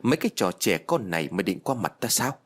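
A man voicing a stern, haughty male exorcist master in an audiobook ghost story, with a husky voice. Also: fairly low pitch, very animated, quick pace. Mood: scornful. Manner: haughty, scolding.

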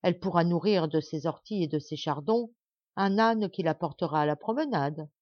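A woman's voice: fairly low pitch, moderate pace, no room sound, highs cut off, natural voice. A woman voicing a disdainful little male dwarf, a brash, mocking scoundrel in a storybook reading. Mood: gloating.

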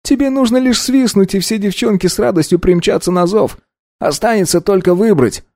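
A man's voice: high-pitched, brisk, darkish tone, dry recording, clean studio sound, voice pushed up. A man voicing a loyal, giggly young male sidekick who eagerly eggs his friend on.

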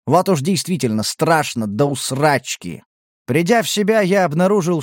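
A man narrates a first-person audiobook in a tense, dramatic way, at a middle pitch. The recording is close and dry, with no room sound. It is a plain studio reading. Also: no echo.

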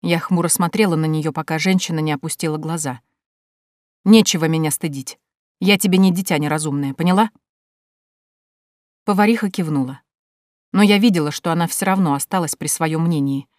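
A woman with a lowish voice reads a first-person audiobook in a measured, even way. The close mic gives a dry sound with no room echo. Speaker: audiobook narrator.

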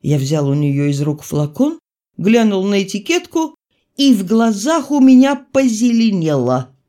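Expressive woman reading an audiobook. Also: mid-range voice, a little slow. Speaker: audiobook reader. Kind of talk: literary audiobook narration.

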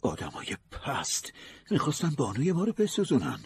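A man voicing an excitable, fretful young male manservant in an audiobook, with a breathy, high, jumpy voice. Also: full character voice. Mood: agitated. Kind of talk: audiobook character voice.

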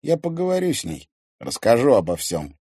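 A man's voice: medium pitch, wildly swooping pitch, normal speed, dark tone, husky, dry recording, studio quality, pitched above the performer's own voice. A man voicing an angry, blunt teenage boy who answers curtly and with disgust, in an audiobook. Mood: indignant. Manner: curt, grumbling.

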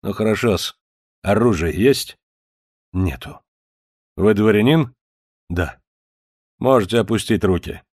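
A man's voice: on the low side, slow, pauses often, a little mellow, no room sound, clean studio sound. A man voicing a bullying, suspicious Cossack officer who barks commands and interrogates in an audiobook. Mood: interrogating. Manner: barking commands, harsh and interrogating.

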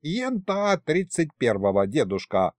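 A man's voice: on the high side, huge pitch swings, unhurried, dry recording, studio quality, pitched above the performer's own voice. A man voicing a folksy pregnant female kikimora clerk who uses old-fashioned rustic speech. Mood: dismissive. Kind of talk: audiobook character voice.

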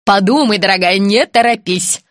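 A woman voicing a brisk, fussy female TV director who bosses her crew and gushes over the family. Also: medium pitch, dry recording, studio quality, lightly acted. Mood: bustling.

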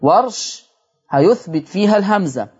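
A man's voice: high-pitched, expressive, normal speed, darkish tone, highs cut off. A man with an Egyptian Arabic accent teaching Quran recitation rules on a televised lesson. He speaks straight to the viewers and keeps asking rhetorical questions as he works through each rule. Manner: addresses viewers directly with frequent rhetorical questions; explains rules step by step, answering imagined objections.

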